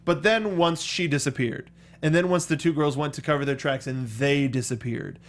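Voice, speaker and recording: Speaking at a normal speed with a fairly high pitch, this geeky movie-review co-host chats with casual enthusiasm, trading thoughts the way fans do.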